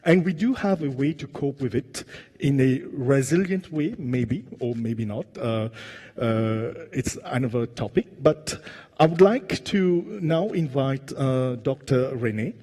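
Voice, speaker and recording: A man from Mauritius moderating a conference panel, halting with many fillers and asking the audience questions. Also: medium pitch, mellow. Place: large conference hall. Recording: long reverb of a conference hall.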